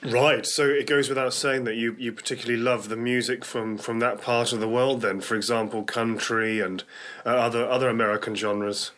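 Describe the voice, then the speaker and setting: A man's voice: mid-range voice, level tone, moderate pace, fairly bright tone. Hesitant British man hosting talk radio. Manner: hesitant, rambling delivery with repeated words. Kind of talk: conversational radio interviewing.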